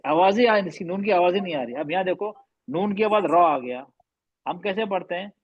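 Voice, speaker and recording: High-voiced man teaching recitation slowly. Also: expressive, dry recording, lo-fi sound. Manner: patient, repeats and slowly draws out recited words. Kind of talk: tajweed class explanation.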